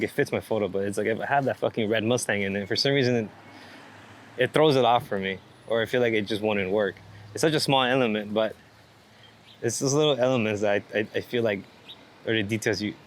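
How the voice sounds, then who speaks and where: A man interviewed as a street and landscape photographer chats at a quick pace in a medium-pitched voice. The casual, unscripted talk is rambling and enthusiastic, slangy and full of swearing, with clear background noise and outdoor ambience.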